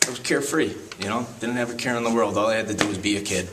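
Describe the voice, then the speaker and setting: A man's voice: lowish voice, very fast, distant mic, noisy background. A man in his twenties from Connecticut, fondly reminiscing in a casual way for a documentary. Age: 20s. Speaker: interviewee. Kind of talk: documentary testimony.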